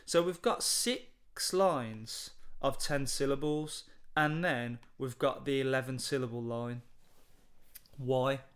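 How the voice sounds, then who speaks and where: A man working through a poem as a tutor, in a voice of middling pitch. He explains in a measured way, thinking aloud with the odd um and restart. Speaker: English literature tutor.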